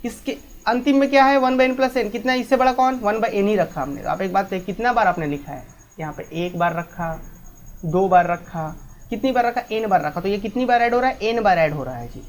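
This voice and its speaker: A woman's voice: medium pitch, a little mellow. A woman maths teacher explaining a lesson step by step, mixing English maths terms into her talk and asking students many questions.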